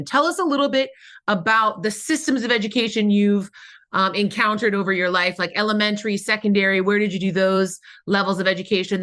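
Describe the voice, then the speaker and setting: A woman's voice: medium pitch, fairly bright tone. A woman hosting a podcast interview, asking long, encouraging questions with fillers.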